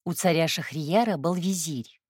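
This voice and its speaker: A woman reading a first-person story aloud in a calm, even narration. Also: low voice, normal speed, slightly rough, no echo, clean studio sound. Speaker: audiobook narrator.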